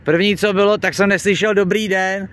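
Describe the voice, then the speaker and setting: A man's voice: sits high, steady tone, a bit bright. A man filming on a boat outdoors, arguing indignantly with fishing wardens and recording everything on his phone. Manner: indignant, argumentative, fast rebuttals. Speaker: fishing vlogger. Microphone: phone camera held by speaker.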